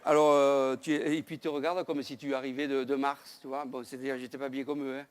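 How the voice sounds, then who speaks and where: A man's voice: medium pitch, little pitch movement, fast talker, slight background noise. A male comedian telling a rambling comic story on a small theater stage, chatty, with frequent asides and crude exclamations. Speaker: stand-up comedian.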